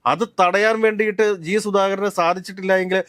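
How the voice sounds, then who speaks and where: A man talking politics at a quick clip, his voice sitting a little high. He argues his case and keeps throwing out pointed rhetorical questions. The recording is dry and close, with no room sound. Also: level tone, fairly bright tone, no echo. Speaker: co-host of political discussion. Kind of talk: casual political talk.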